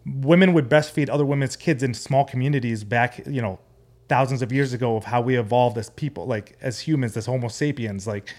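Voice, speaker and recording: An American man from the United States and Jordan talks conversationally as a podcast guest, earnestly explaining his views. His voice is an ordinary mid-range one, medium in pitch and darkish in tone, and he speaks a little fast.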